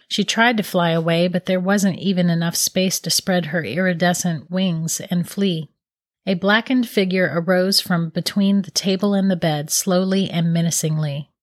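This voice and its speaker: A woman narrates a fairy tale in a calm, even storytelling voice. Her voice is a little low, recorded dry and close with no room sound. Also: dry recording. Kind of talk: scripted narration.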